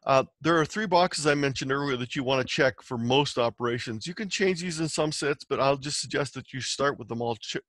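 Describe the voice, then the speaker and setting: Teaching amateur radio software through a slide presentation, a man walks through each step the way a teacher would. His voice sits at medium pitch with a fairly bright tone, recorded with no room sound.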